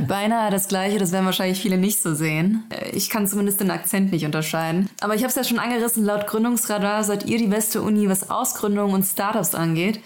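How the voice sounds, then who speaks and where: A woman's voice: medium pitch, a little fast. Conversational female podcast interviewer.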